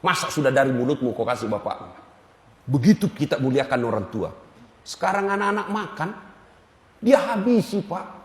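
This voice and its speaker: A man's voice: medium pitch, sing-song, normal speed, a little hiss or hum. A male Islamic preacher giving a humorous sermon, teasing and calling out to his audience. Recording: echoey hall reverb.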